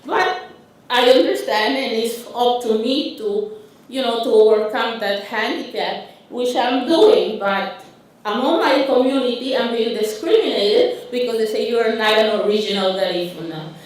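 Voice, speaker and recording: With a fairly high pitch and a Honduran Spanish accent, a woman from Honduras gives a slide-based conference presentation. Her delivery is halting, full of restarts and fillers, and the roomy hall recording places her at a distance from the microphone.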